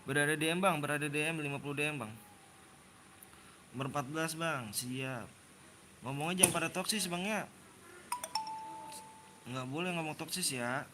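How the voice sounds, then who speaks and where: A man's voice: a little high, moderate pace, pauses often, background noise. A man in his twenties with a Jakarta accent, casually chatting on a game livestream, slangy and repetitive, lecturing viewers on manners. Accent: Jakarta Indonesian. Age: 20s. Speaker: livestream host running custom game rooms.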